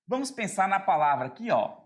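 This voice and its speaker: A man's voice: high-pitched, very animated, brisk. A man with a Brazilian Portuguese accent teaching an exam-prep grammar lesson, who spells out letters and endings and keeps checking in with his students. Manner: keeps checking in with the class using short tag questions.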